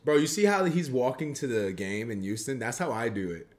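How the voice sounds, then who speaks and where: A man's voice: medium pitch, animated, fairly quick, a little hiss or hum. Man, twenties, live-stream reaction, laid-back, chuckling, headset mic, home studio. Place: home studio room with shelves.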